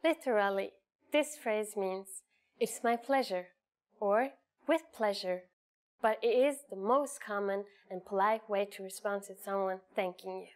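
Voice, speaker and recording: A woman's voice: medium pitch, darkish tone. A woman with a Norwegian accent hosts a scripted language lesson, speaking in an instructional way and enunciating phrases carefully. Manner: clear, instructional enunciation with slowly repeated phrases. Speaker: language teacher and lesson host.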